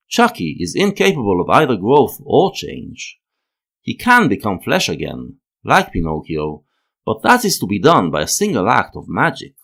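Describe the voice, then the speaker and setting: A man with a lowish voice narrates a scripted, analytical video essay, lecturing in a measured way and stressing key words.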